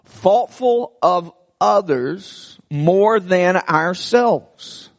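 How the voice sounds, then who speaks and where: A man preaching a sermon as a pastor, speaking slowly and deliberately with earnest pauses and soft drops in prayer. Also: sits high, lively intonation.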